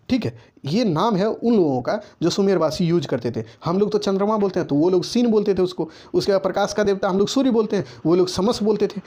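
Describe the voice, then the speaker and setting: A man with a high, somewhat mellow voice lectures students on history for their exams. He keeps asking "ठीक है" and tells them directly how to write their answers, repeating himself often.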